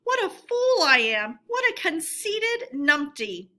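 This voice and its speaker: A woman's voice: very high-pitched, sing-song, slow, sharp tone, pitched above the performer's own voice, full character voice. A woman voicing a conceited, reckless male toad in a storybook, with a theatrical manner that shifts between wheedling and boasting. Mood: panicked, regretful.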